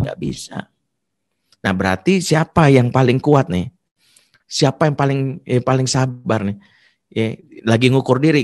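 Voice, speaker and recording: A male Islamic preacher giving a parenting talk, telling stories lively and acting out the dialogue. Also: mid-range voice, dry recording, clean studio sound. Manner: lively storyteller who acts out dialogue.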